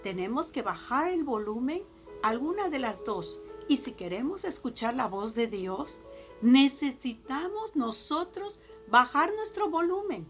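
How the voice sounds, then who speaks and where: A woman preacher with a Mexican Spanish accent, giving a sermon in slow, emphatic phrases that she often repeats. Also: high voice, lively intonation, soft background music.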